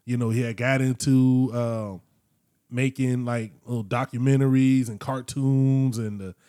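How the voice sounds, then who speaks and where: A man in his late thirties co-hosting a podcast, talking in a slow, reflective, slangy way. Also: mid-range voice, level tone, warm tone, smooth, no echo, studio quality. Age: 30s. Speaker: podcast co-host. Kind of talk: casual chat.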